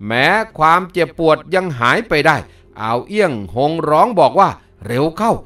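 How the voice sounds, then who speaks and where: A man's voice: on the high side, expressive, moderate pace, pushed and bright, far from the mic. A man narrating a novel aloud as an audiobook reader.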